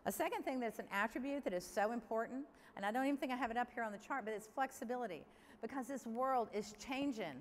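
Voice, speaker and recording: A middle-aged woman giving a lively, candid conference keynote and talking straight to the audience. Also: a little high, quick pace. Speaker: keynote speaker. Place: large conference hall. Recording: long hall reverb, faint room noise.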